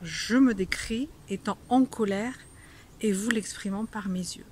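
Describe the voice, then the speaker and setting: A woman's voice: mid-range voice, a little slow, noisy background. A woman teaching a casual video language lesson, playful, laughing often and pretending to be angry.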